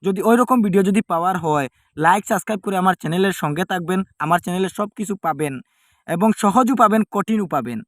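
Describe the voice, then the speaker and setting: A man giving step-by-step ritual instructions in a halting, repetitive way, recorded indoors without a microphone. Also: sits high, fairly bright tone, no echo, studio quality. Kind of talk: step-by-step spoken demonstration. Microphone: no microphone, device's built-in mic.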